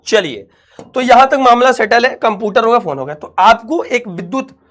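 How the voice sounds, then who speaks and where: A man's voice: very high voice, expressive, moderate pace, fairly bright tone. A young man, teaching an online physics class in a chatty, reassuring way and calling the students his dear children.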